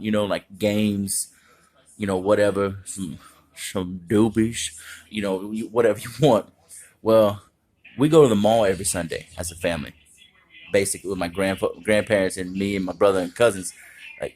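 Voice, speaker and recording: A man casually telling profane, animated stories, often jumping into other voices. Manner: animated, profane, acts out voices with big pitch jumps. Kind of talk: casual storytelling.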